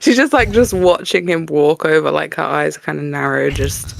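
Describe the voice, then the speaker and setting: A woman's voice: deep voice, normal speed, creaky, no echo. A woman casually describing her character's actions as a player in a tabletop game. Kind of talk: casual, giggly character narration.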